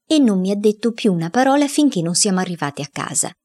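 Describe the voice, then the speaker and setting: A woman narrating a children's novel in the first person, reading in a lively, expressive way. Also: medium pitch, fast. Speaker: audiobook reader.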